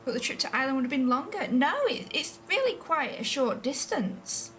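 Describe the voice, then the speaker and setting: A woman's voice: high-pitched, very animated, moderate pace, fairly bright tone. A woman from England chatting casually as she streams a flight simulator game, thinking aloud and second-guessing herself. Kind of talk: casual live-stream commentary while playing a flight simulator. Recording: voice a bit distant from the mic, faint music behind.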